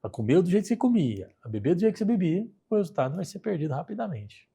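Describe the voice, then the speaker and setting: A man with a Brazilian Portuguese accent, a plastic surgeon being interviewed, telling anecdotes in an animated, chatty way. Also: sits high, very fast, creaky, breathy edge. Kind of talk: casual interview storytelling.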